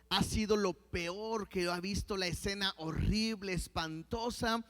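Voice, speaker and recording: Male pastor, high voice, stop-start explaining between readings, echoing hall. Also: bright, forceful tone. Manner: reads verses aloud, then explains with many restarts. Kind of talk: sermon with Bible reading.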